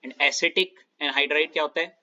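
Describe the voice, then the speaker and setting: तेज़ और चमकीली आवाज़ वाला रसायन शिक्षक, धीमी दबी recording. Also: male voice, fairly high pitch, fairly even intonation, a little fast, bright, forceful tone, dull audio. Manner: explains step by step, checks students often. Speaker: chemistry teacher. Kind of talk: online class lecture.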